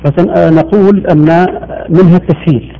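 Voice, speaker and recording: A man's voice: on the high side, fairly even intonation, a little fast, lo-fi sound. A man teaching the rules of Quran recitation in a televised lesson, explaining patiently, repeating points and giving short assents.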